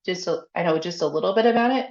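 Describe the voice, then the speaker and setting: Talking very fast in a lowish, slightly mellow voice, a woman guest on a podcast, a faith coach, opens up in a relaxed conversational interview. She laughs a lot and leans on "like." The audio has an echoey, somewhat dull quality.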